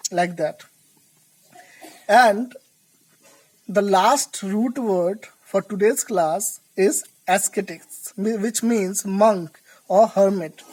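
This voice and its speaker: A woman teaching an English vocabulary lesson, explaining word roots slowly and deliberately. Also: mid-range voice, warm tone, rough recording.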